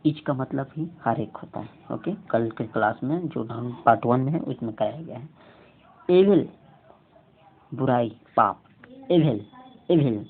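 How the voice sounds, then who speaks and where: Low-pitched female tutor, patient and slow, repeats words for pupils, thin phone-quality line. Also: slightly rough. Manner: repeats words slowly, drilling pronunciation for children. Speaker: English teacher. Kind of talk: online grammar lesson in Hindi. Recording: lo-fi phone-like audio, faint hum.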